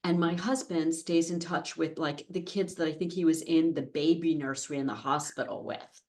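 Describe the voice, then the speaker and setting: In a podcast studio, an American woman in her fifties chats casually with her interviewer, telling stories that gently mock herself. She has a low, steady, slightly mellow voice at normal speed.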